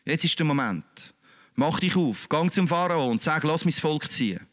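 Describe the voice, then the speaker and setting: A man's voice: on the high side, animated, moderate pace, a bit bright, in a large hall, pitched below the performer's own voice. A man with a Swiss German accent voicing God as a solemn, commanding caller in a sermon retelling. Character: God calling a reluctant prophet, solemn.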